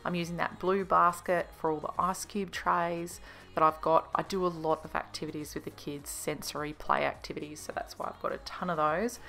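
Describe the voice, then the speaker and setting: With vocal fry in a low register and a slightly bright tone, this Australian-accented woman in her thirties talks through a cleaning vlog. She is a home organisation vlogger, keeping things casual, chatty and explanatory.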